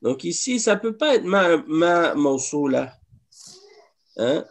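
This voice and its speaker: In a mosque classroom, a man teaches Arabic slowly and patiently, repeating every example. His voice is on the high side with lively intonation.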